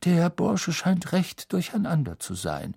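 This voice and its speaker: A man's voice: sits high, very animated, measured pace, vocal fry, warm tone, breathy edge, no echo, clean studio sound, voice pushed up, full character voice. A man reading an audiobook, voicing a flustered, fretful middle-aged male official.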